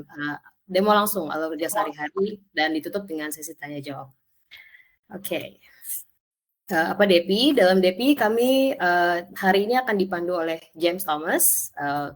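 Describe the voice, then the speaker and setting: A woman presenting a business webinar, reading prepared points in a businesslike way with small stumbles. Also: sits low. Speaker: education partnership and marketing manager, presenter.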